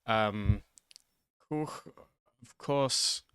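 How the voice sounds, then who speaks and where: An online video host gives an informal, improvised lesson close to the mic, hesitant, rambling, and self-deprecating. His fairly low voice is smooth and fairly bright, and he draws out his words. There's no room sound.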